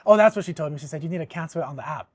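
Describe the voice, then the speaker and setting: Young guy on a podcast ranting with lots of swearing, kinda high voice. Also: very fast, dry recording. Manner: animated, swears a lot, laughs while telling a story. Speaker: podcast host. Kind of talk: casual storytelling chat.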